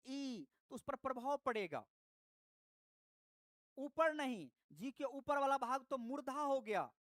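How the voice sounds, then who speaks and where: Patient teacher, live online class, slow unhurried delivery, smooth clear voice. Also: high-pitched, dry recording. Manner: patient, repeats points, addresses students warmly.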